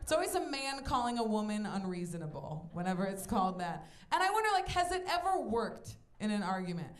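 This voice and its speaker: A woman in her twenties performing a stand-up comedy set on a club stage, playful and animated, acting out voices in her quotes. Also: medium pitch, fairly quick. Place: comedy club stage before a live audience. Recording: echoey club room with audience noise.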